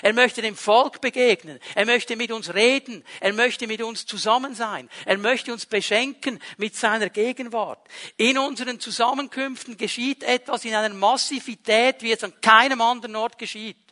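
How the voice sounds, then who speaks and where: A man preaching a sermon to his congregation in a lively, conversational way, asking rhetorical questions. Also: very high voice, moderate pace. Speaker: pastor. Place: church hall with a congregation.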